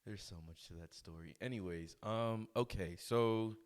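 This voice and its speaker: A young man with a very low voice co-hosts a relaxed podcast chat. He mostly listens, breaks in with short replies, and pokes fun with pointed questions. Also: moderate pace, clear, resonant tone. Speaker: podcast co-host. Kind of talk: casual chat.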